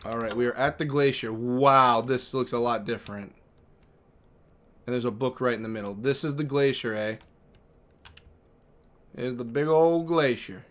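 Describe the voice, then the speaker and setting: A man's voice: medium pitch, moderate pace, pauses often, fairly bright tone. A man streaming a game, chatting casually and telling stories about his pets between game moves. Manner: chatty, storytelling, reads chat aloud. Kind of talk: casual livestream chat.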